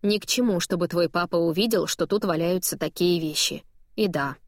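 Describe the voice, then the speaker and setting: A woman voicing a calm, unflappable older stepmother who speaks slowly and firmly. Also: on the low side, no echo, studio quality, close to an everyday voice. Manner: slow, calm and firm.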